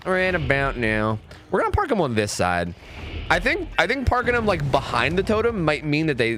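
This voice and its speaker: Excitable young man commentating gameplay. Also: a little hiss or hum. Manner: animated, swears freely, jumps to high-pitched panic. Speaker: streamer.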